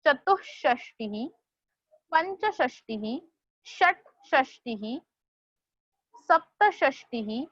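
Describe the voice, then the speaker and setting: Slow, deliberate woman tutor. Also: high-pitched, no echo. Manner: slow, deliberate, spells out pronunciation. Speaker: Sanskrit tutor. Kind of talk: online class lecture mixing Hindi and English. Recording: dull lo-fi sound.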